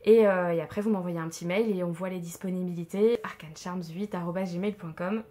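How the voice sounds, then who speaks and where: A woman's voice: fairly low pitch, steady tone, brisk. A woman doing a casual tarot card reading for her viewers, chatty and reassuring with many fillers. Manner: chatty, warm and reassuring, frequent fillers and soft laughs. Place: home room, with a tripod-mounted camera.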